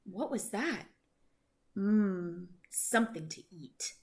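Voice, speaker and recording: A woman's voice: mid-range voice, expressive, slow pace, a little mellow. A woman voicing a sleepy, hungry old male bear in a storybook, murmuring and sniffing to himself. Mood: curious.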